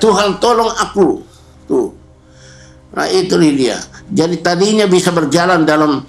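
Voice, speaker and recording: A man delivers a sermon in a voice pitched a little high, repeating his key words and leaning on pauses. The hall around him is roomy and echoing. Soft music plays faintly underneath. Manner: preaching with repetition and emphatic pauses. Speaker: pastor.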